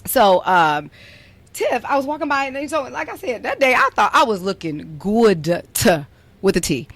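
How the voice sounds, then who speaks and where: A young adult woman hosts a podcast, spinning a story in a playful, casual chat and sprinkling "like" throughout. Her voice is a little high with big pitch swings, at normal speed.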